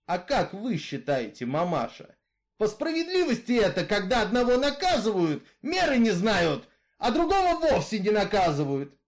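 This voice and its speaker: A man voicing a bitter, brooding male outlaw killer in a read-aloud story, in a rough folksy way of talking. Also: sits high, wildly swooping pitch, moderate pace, pitched above the performer's own voice, exaggerated voice. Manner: rough folksy drawl, brooding, growling at times.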